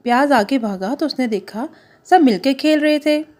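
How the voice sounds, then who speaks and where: A woman narrating a children's cartoon story in a lively, storybook manner. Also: high voice, normal speed.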